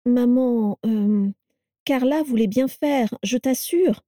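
A woman's voice: mid-range voice, animated, fairly quick, dark tone, no echo, studio quality, lightly acted. Woman doing a stammering, timid grown son. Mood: flustered. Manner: stammering, hesitant, pleading. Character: timid, flustered grown son caught between wife and mother.

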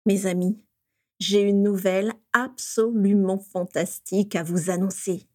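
A woman acting out a teenage boy wizard, pushed well above her own voice and bursting with theatrical swagger. The delivery is showy and triumphant, with a mellow tone. The recording is dry and close. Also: medium pitch, fairly even intonation, unhurried, no echo, lightly acted. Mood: playful, showy. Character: exuberant teenage boy wizard, cocky prankster.

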